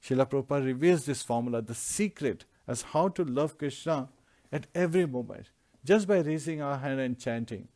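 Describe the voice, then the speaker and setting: A man's voice: mid-range voice, moderate pace, mellow. Earnest man teaching a scripture class. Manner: explains Sanskrit verses word by word in English; earnest preaching with repeated lists.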